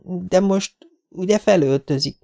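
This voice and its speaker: A man's voice: high-pitched, gravelly, darkish tone, pitched above the performer's own voice. A man voicing a nervous young woman who hesitates and stammers. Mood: flustered.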